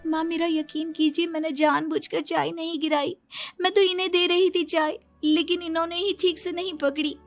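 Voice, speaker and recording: A woman's voice: extremely high pitch, level tone, normal speed, soft background music. A woman playing a meek, emotional young daughter-in-law in a cartoon moral story. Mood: pleading.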